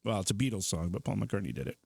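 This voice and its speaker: A man co-hosting a podcast with a cold, chatting casually and chiming in quickly. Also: fairly low pitch, lively intonation, gravelly, a little mellow, husky, no echo. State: has a cold. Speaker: podcast co-host. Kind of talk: casual chat.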